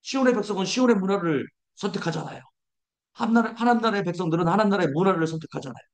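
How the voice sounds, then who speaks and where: High-voiced Korean pastor preaching. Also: male voice, racing. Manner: declarative, leads congregation in call-and-response; asks rhetorical questions and answers them. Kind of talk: sermon.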